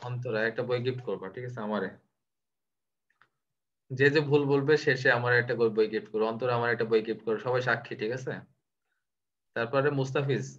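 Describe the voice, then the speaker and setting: A man's voice: medium pitch, fairly quick, pauses often, a bit bright, muffled recording. A man, teaching vocabulary in a live online class, playful and teasing, mixing in English words. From Bangladesh.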